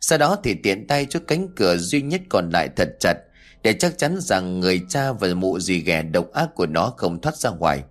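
A man narrating a horror audiobook in a steady, measured reading voice. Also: deep voice. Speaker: storyteller.

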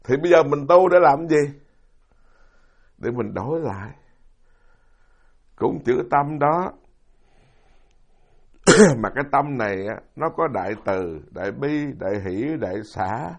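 Gravelly Southern Vietnamese monk preaching. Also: male voice, medium pitch, animated, takes it slowly, long pauses. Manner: storytelling with rhetorical questions to the audience. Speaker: Buddhist monk. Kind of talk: dharma talk sermon. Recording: dull lo-fi recording.

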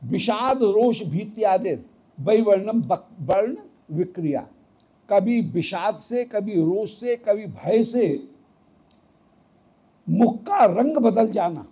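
A man's voice: high-pitched, animated, slow, mellow, husky. A man giving a devotional scripture discourse, chanting verses and explaining them line by line. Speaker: devotional storyteller.

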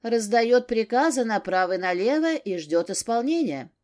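Woman doing a defensive grown daughter, higher and sharper, audiobook. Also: lively intonation, moderate pace, a little mellow, natural voice. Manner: flaring, defensive.

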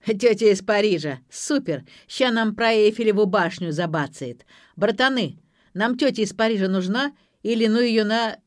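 A woman voicing a bossy, crude male thug who drives the car, talking loud and mocking in slang. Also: mid-range voice, sing-song, normal speed, no room sound, clean studio sound, pitched above the performer's own voice, natural voice.

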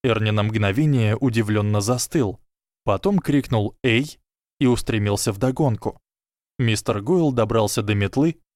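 A man's voice: medium pitch, a little mellow, no room sound. Man reading a story, dry close sound. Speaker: audiobook reader. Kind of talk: storytelling narration.

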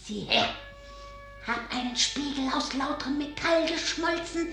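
An actress playing a gaunt, spiteful old witch in a radio play, with a croaking, cackling voice and theatrical drawn-out words. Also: sits high, sharp tone, faint music behind, exaggerated voice. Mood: coaxing, scheming. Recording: echoey, roomy sound.

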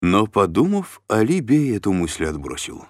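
A man with a lowish voice narrates an adventure audiobook, telling the story expressively at a normal speed. It's scripted narration recorded with clean studio sound and no room echo.

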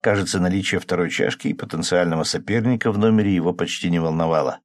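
A man calmly narrating a novel in the first person as an audiobook. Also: sits low, fast talker, no room sound.

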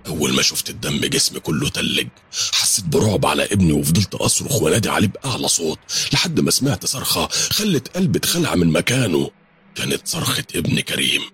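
Egyptian male horror narrator, deep and husky, dramatic and quick. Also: very animated, fairly bright tone. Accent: Egyptian Arabic. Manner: urgent, dramatic. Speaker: storyteller. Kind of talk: first-person horror story narration.

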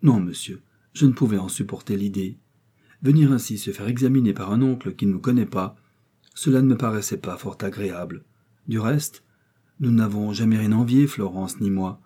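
Young gentleman read by a man, nervous, frank, low husky voice. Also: normal speed. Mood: earnest.

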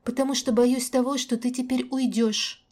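A woman's voice: high-pitched, steady tone, normal speed, darkish tone. A woman reading the lines of an anxious young woman who pleads on the verge of tears in an audiobook. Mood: pleading.

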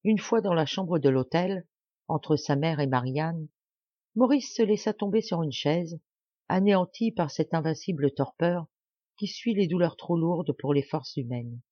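A woman narrating a classic novel as an audiobook, with an expressive, dramatic reading style. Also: deep voice, a little slow, no echo, muffled recording. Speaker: audiobook reader.

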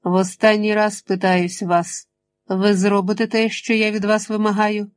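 Woman reading a male villain, menacing, slow, insistent, audiobook. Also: mid-range voice, flat delivery, no room sound, lightly acted. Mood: threatening. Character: menacing male chemist, drunk, controlling.

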